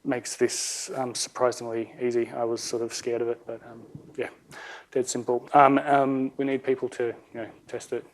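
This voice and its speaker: Male conference speaker, thirties, creaky voice, fairly flat pitch, informal tech talk. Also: moderate pace, poor audio. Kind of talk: informal technical lightning talk. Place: conference room at a podium. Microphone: podium microphone.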